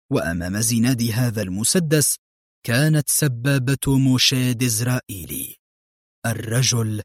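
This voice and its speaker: A man's voice: mid-range voice, darkish tone, dry recording. Man narrating a thriller, dry close sound. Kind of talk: dramatic audiobook narration.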